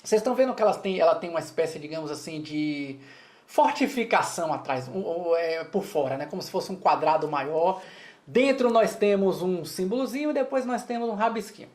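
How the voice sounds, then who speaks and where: A woman's voice: lowish voice, a little fast, darkish tone. A woman with a Brazilian Portuguese accent teaching Mandarin in a lesson, explaining in a chatty way and often checking in with her students. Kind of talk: co-taught language lesson.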